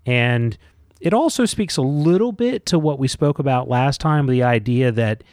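A man's voice: mid-range voice, expressive, normal speed, a little mellow. A man chatting casually as co-host of a book podcast, recapping chapters in an easy mid-range voice. He slips into playful, jokey asides. The sound is dry and close, with no room echo. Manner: jokey, bursts into silly sing-song bits.

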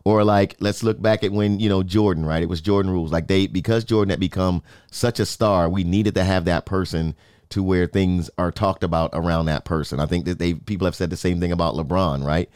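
A man's voice: sits low, fairly even intonation, brisk, darkish tone, clean tone, no room sound, studio quality. A man co-hosting a sports talk show, speaking emphatically and often checking in with "right?". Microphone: in-ear monitor, studio.

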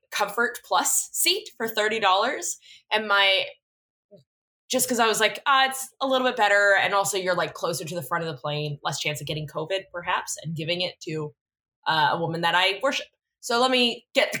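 A woman co-hosting a podcast in casual conversation, chatty, self-deprecating and quick to swear. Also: fairly low pitch, pushed and bright. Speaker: podcast co-host. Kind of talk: casual chat recapping a TV drama.

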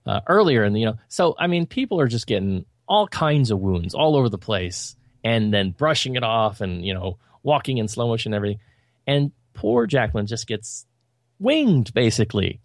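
A man's voice: mid-range voice, creaky, dry recording, studio quality. A man co-hosting a podcast, reviewing films in casual chat with an opinionated, critical and rambling manner. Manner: loose, rambling delivery.

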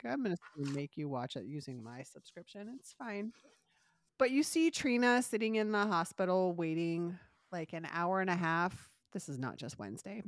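A woman with a stuffy cold talks through a soap opera recap in a casual podcast chat, her voice pitched on the low side. She tells the story with animation and jumps into the characters' lines as she goes. The recording is close and dry, with no room sound. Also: dry recording. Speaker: podcast co-host.

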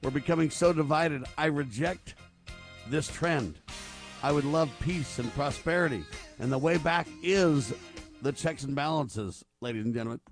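A man's voice: a little high, moderate pace, faint music behind. A man with an American accent hosting political talk radio, delivering emphatic, urgent and earnest commentary.

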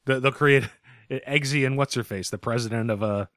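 A man's voice: medium pitch, moderate pace, a bit bright, dry recording, clean studio sound. A man from Boston co-hosting a casual movie review chat, joking and swearing freely. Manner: wry, profane, joking. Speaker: podcast co-host.

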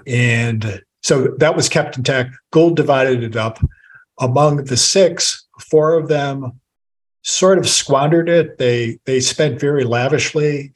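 A male author as an interview guest, explaining history in a measured, storytelling way. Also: mid-range voice, slightly rough, rough recording. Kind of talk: podcast interview conversation.

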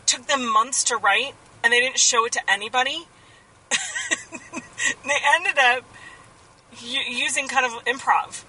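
A woman's voice: high voice, moderate pace, pushed and bright, far from the mic, poor audio. A woman co-hosting a podcast in casual chat, talking with enthusiasm. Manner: enthusiastic, chatty. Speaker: podcast co-host.

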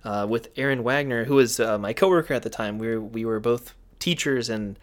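A man's voice: medium pitch, fairly quick. A man hosting a podcast in casual chat, talking into a microphone with lots of fillers and playful asides. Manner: rambling, filler-heavy, playful. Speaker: podcast host. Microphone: studio podcast microphone.

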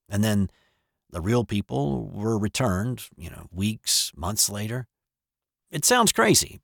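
An older man telling his own eerie childhood story in the first person, hesitant and hushed, with small restarts. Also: fairly low pitch, no echo, clean studio sound. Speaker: narrator of a true eerie story.

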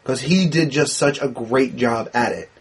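Husky-voiced man arguing about movies. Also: mid-range voice, measured pace. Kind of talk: casual movie podcast chat.

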